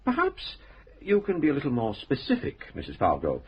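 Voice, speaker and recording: An actor playing a dry, patient police inspector in a radio drama, wry and polite. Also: male voice, medium pitch, wildly swooping pitch, brisk. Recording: dull old radio broadcast with faint hiss.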